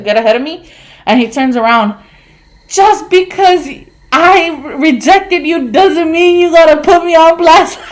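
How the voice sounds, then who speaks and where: A woman in her twenties telling stories on a casual podcast, animated, laughing and swearing, with lots of fillers. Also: a little high. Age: 20s. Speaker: podcast co-host. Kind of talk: casual storytelling chat.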